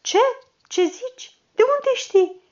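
A woman voicing a proud, blustering army captain who barks orders loudly, on a dull lo-fi recording. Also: high-pitched, lively intonation. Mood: exultant commanding. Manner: barking commands, loud and fervent.

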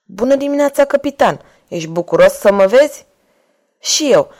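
A woman's voice: fairly high pitch, expressive, darkish tone, natural voice. A woman reading aloud, voicing a daring young male horseman on the run who talks in defiant exclamations. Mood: cheerful. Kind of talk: audiobook character reading.

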